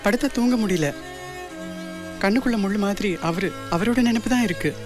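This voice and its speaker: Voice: medium pitch, fairly quick, over music, natural voice. A performer playing a lovesick transgender woman, pleading in anguish for her lover.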